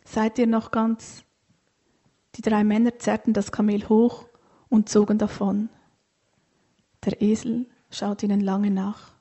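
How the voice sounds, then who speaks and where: Female storyteller, gentle reading voice, soft breathy tone, mellow. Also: medium pitch, flat delivery, a little slow.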